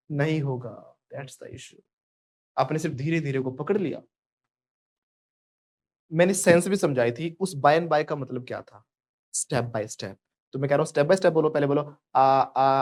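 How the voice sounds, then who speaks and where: A man's voice: on the high side, a little mellow. A man with an Indian accent teaching a spoken English lesson, switching between Hindi and English and having students repeat phrases.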